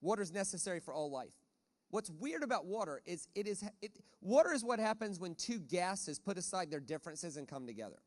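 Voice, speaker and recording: A man preaching a conference sermon in a church auditorium, animated, acting out voices as he talks. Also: high-pitched, brisk. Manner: animated, acts out voices of panicked people and God. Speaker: guest preacher.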